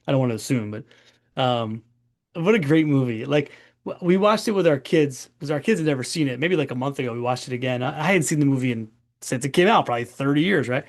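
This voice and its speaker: Brief: forties male doctor hosting webinar, gravelly and chatty. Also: mid-range voice, lively intonation, fast. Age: 40s. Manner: chatty, long-winded, rambling. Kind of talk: casual webinar Q&A.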